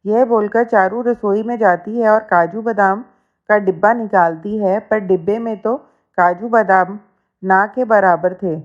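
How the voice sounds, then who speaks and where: A woman telling a family story as narrator, in a steady, plain storytelling manner. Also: medium pitch, measured pace. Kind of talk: scripted narration. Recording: dull lo-fi recording.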